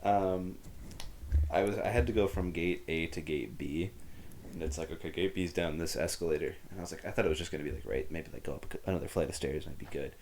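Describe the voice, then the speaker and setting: Deep-voiced man with light Boston accent. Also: fast talker, a little mellow, a little hiss or hum. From Boston area. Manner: joking, laughs often, rambling stories. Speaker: podcast co-host. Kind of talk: casual chat. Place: recorded face to face in Texas.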